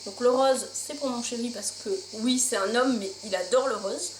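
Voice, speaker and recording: Speaking at an ordinary speed in a voice that sits a little high, a vlogger shows off her shopping haul and gushes over each item, her talk full of fillers. Faint insect noise comes through the open windows of the roomy room where she's recording.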